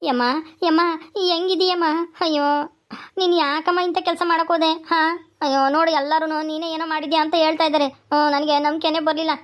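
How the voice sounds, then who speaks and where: A woman's voice: high voice, little pitch movement, lightly acted. A woman voicing a worried grown son who pleads with his mother in a cartoon comedy. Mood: fretful. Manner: pleading, fast and fretful. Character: anxious grown son of the grandmother.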